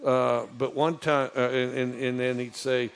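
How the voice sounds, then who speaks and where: A football coach with a low, gravelly, creaky voice tells stories in a relaxed, rambling way. He halts often on fillers and keeps restarting his sentences.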